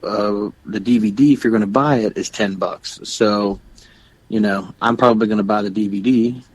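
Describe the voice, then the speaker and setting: A young man co-hosts a podcast in a relaxed, rambling way. His voice sits a little low. He often restarts his sentences and stops to plug shows and websites. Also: moderate pace, breathy edge, no echo, low-quality recording. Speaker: podcast co-host. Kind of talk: casual chat.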